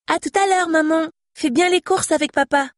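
A woman voicing an eager, chatty five-year-old girl in a high childlike voice. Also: normal speed, no room sound, clean studio sound.

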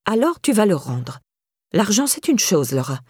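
A woman reading aloud, voicing a kind but firm older woman who speaks briskly and sternly. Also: medium pitch, very animated, a little mellow, slightly rough, dry recording, clean studio sound.

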